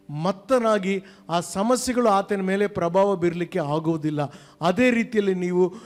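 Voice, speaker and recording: An older male pastor, preaching a sermon in a church. He asks the congregation questions and swings between emphatic and hushed delivery. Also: high voice.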